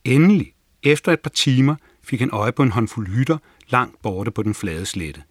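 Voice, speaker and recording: A man narrating a children's storybook aloud in a calm storytelling manner, lifting his voice for the characters' lines. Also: mid-range voice, slightly rough, dry recording, studio quality. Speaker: audiobook narrator.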